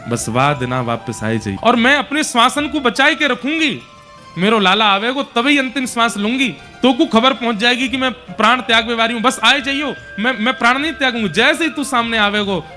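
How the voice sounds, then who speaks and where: A man voicing a grieving elderly village mother, speaking softly and pleading through sorrow. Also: high-pitched. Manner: soft pleading, choked with sorrow.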